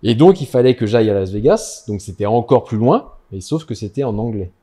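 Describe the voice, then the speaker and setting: A man, a dentist, telling his story as a guest in a casual interview, lively and anecdotal, often turning to his listener. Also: medium pitch, a little fast, breathy edge.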